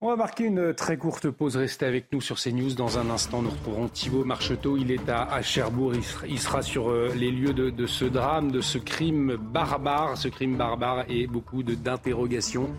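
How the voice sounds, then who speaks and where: A man's voice: mid-range voice, moderate pace, few pauses. A man hosting a live morning news show, hesitant, with many fillers and restarts.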